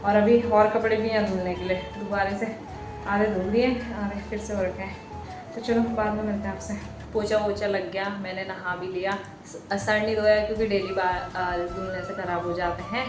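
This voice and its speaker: A woman's voice: medium pitch, little pitch movement, moderate pace. A woman vlogging casually at home, chatty and teasing, often breaking into laughs. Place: home kitchen and indoors. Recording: echoey room with music behind.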